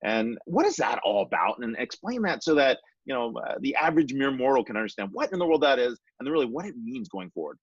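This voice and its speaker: A man's voice: medium pitch, big pitch swings, fast talker, hardly any pauses, husky, dry recording. A man hosting a casual show interview over a video call, asking questions with frequent fillers. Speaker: show host. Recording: dull lo-fi call audio, dry.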